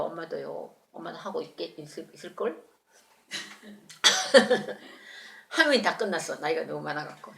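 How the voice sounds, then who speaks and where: A woman telling a Bible story to children in church, animated and often asking them questions. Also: lowish voice, creaky, reverberant. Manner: animated, asks children questions, acts out voices. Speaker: children's Sunday school teacher.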